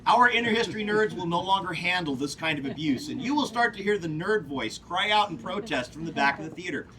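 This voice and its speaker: A man working as a tour guide and historian, telling animated stories with playful asides outdoors on a film set. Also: high voice, a little fast, distant mic, a crowd in the background, poor audio. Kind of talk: guided tour talk to a small group.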